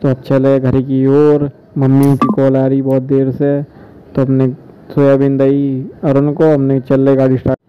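A man's voice: mid-range voice, monotone, measured pace, a little hiss or hum. Young man chatting through a daily vlog. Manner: easygoing, rambling chatter with local dialect. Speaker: vlogger. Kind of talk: casual vlog narration. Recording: slightly dull lo-fi phone audio.

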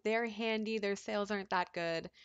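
A woman's voice: mid-range voice, steady tone, moderate pace, clean tone, no echo, lo-fi sound. A young woman casually commenting on a life-sim game she is playing, chatty and dramatic, sometimes voicing the game characters. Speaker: let's play host.

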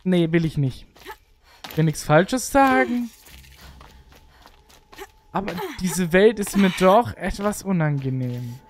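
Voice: mid-range voice, lively intonation, slow, long pauses, a little hiss or hum. A gaming video creator giving casual let's play commentary, exclaiming and complaining aloud as they play.

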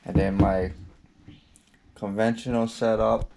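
A young fishing vlogger walks through his gear casually in a low, gravelly voice, unhurried and easygoing. His delivery is flat and relaxed, peppered with ums and restarts. It sounds like an action-camera recording in a cluttered indoor space.

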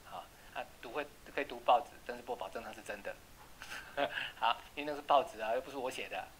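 A man teaching an English class, chatty and checking with students, slowing down to repeat words for pronunciation. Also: medium pitch, a little hiss or hum, rough recording. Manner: asks "right?" often. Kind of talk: classroom lesson.

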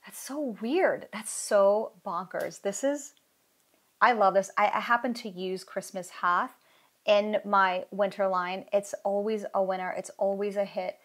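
A woman in her thirties casually reviewing fragrance oils, excited and gushing, full of "like"s, in an indoor craft room at a close desk camera. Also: medium pitch, measured pace. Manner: excited, gushing, chatty with many "like"s.

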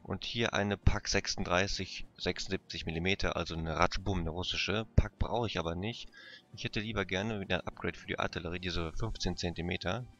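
A man with a low voice talks through a strategy game as a let's player. His delivery is casual commentary, reading and reacting as he plays. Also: steady tone, brisk, fairly bright tone, highs cut off, faint music behind. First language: German. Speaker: let's play gamer.

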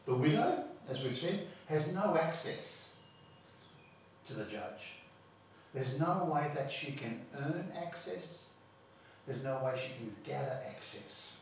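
A man's voice: mid-range voice, animated, slow, a little hiss or hum. A man with an Australian accent preaching a sermon as pastor, stressing points and repeating words as he builds them. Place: church. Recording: very echoey church hall, mic far off.

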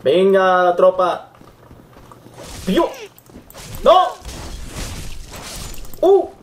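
A young man gives excitable Let's Play commentary, swearing and yelping at the game. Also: high voice, very slow, a little hiss or hum. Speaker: gaming YouTuber.

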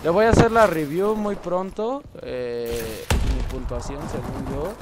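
A high-pitched man with a Mexican accent, commentating his own match in a loose, excitable way that keeps tipping into shouts. Gunfire from the game rattles loudly under his voice. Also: measured pace, very noisy. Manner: excitable, bursts into yells and exclamations. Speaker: gameplay commentator. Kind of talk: casual gameplay commentary.

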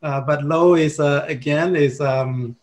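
Seated indoors in front of a virtual background, a panelist from Cambodia, a man in his fifties, presents himself in an earnest manner, stumbling through plenty of fillers and restarts. He speaks a bit slowly in a slightly high, steady voice with a darkish tone.

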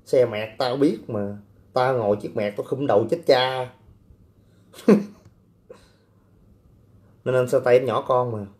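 A man's voice: medium pitch, steady tone, slow pace, pauses often, a little mellow. A man hosting a casual livestream, reading viewer comments with brash, teasing, coarse banter. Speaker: livestream host.

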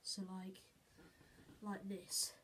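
Extremely slowly and in a totally flat mid-range voice, a woman vlogs a casual bedroom tutorial with background noise audible. She rambles through endless "like" and "basically" fillers, speaking to a camera set on her bed, which picks up the sound indoors.

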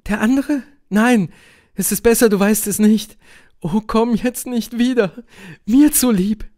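A man's voice: high-pitched, measured pace, darkish tone, voice pushed up. A man reading an audiobook, voicing a troubled young woman who is bound by duty, pleading and tense. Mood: anguished.

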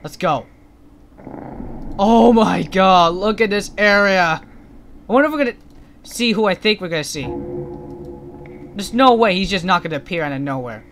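A gaming channel host giving rambling, excitable let's-play commentary, full of fillers and restarts. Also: mid-range voice, moderate pace, pauses often, a little hiss or hum.

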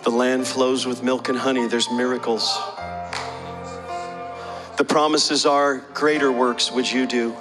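A man's voice: medium pitch, level tone, a little slow, pauses often, long reverb tail, over music. A male pastor preaching a sermon, telling a story and then pressing the congregation with repeated questions.

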